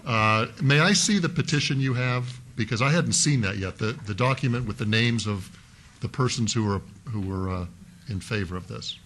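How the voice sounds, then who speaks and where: This councilman's voice is on the low side and a bit bright, moving at a moderate pace. Speaking into a desk microphone in the council chambers, he questions an applicant at a public hearing folksily and methodically, thinking aloud with fillers, over slight background noise.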